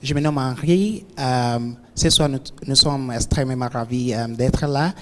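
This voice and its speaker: Man, language coach; halting greeting with many fillers, echoey hall sound. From Ghana. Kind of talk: brief greeting at a live event. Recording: echoey hall, faint rumble.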